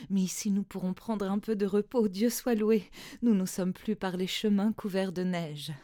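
A woman voicing a poor, exhausted young mother who pleads softly for help. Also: mid-range voice, fairly even intonation, moderate pace, natural voice. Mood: weary relief. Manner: soft, imploring.

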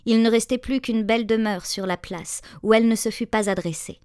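A woman narrating a storybook tale in a measured, expressive reading voice. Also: a little high, clean tone, no room sound, clean studio sound.

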